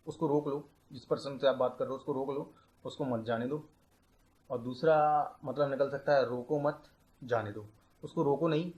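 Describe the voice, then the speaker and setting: A young man, a tutor, teaching computer science step by step, mixing English terms into his talk and slowing down to dictate definitions. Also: mid-range voice, a little mellow, rough recording. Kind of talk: explaining a lecture.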